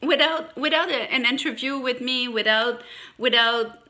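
French lady vlogging to camera, kinda high and sharp voice, stops and restarts a lot, bit stuffy from allergies. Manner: emphatic, halting with restarts. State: congested from allergies. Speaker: YouTuber. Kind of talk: direct-to-camera monologue.

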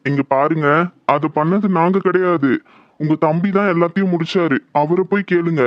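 A man's voice: on the high side, steady tone, normal speed, dry recording, muffled recording, natural voice. A man voicing a middle-aged village householder who answers blame firmly and defensively in a dramatized horror story. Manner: firm, defensive.

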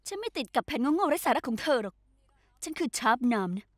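Defiant schemer, high voice, rapid-fire, dry studio dub. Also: female voice, sing-song, no echo. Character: scheming stepdaughter woman, shrill and defiant. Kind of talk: Thai dubbed soap opera.

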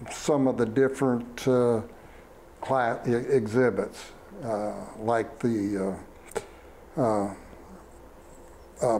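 A man, speaking slowly with many fillers and restarts as a fair superintendent in a studio interview. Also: medium pitch, mellow, slight background noise. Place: small TV studio. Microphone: lapel mic.

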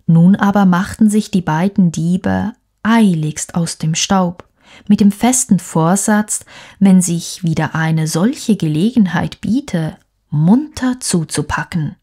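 Woman, bedtime storyteller, slow and gentle, lowish voice, soft whispered bits. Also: breathy edge. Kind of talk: bedtime fairy tale reading.

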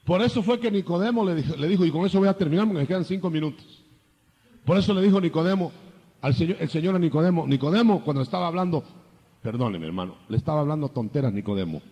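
Older man, preacher, husky, long echo of a hall, lively sermon. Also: a little high, quick pace. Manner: lively, acts out biblical dialogue with shifting voices.

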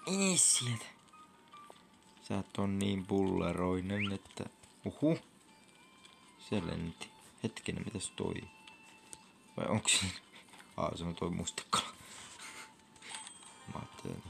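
A man's voice: low-pitched, gravelly. A young man giving casual commentary over his gameplay, chatty and reacting with sudden whoops and squeals. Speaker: gaming vlogger. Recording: faint game music behind.

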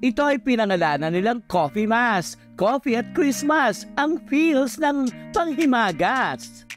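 A man's voice: extremely high pitch, very animated, measured pace. A man narrating a light news feature in a playful, sing-song rhyming style. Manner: playful, rhyming, rhythmic delivery. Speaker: feature reporter. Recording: voice-over with loud background music.

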